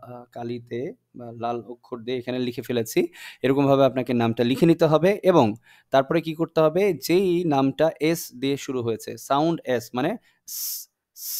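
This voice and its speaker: A young man teaching a class, explaining sounds patiently and repeating them slowly for drilling. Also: medium pitch, a little mellow, dry recording, studio quality.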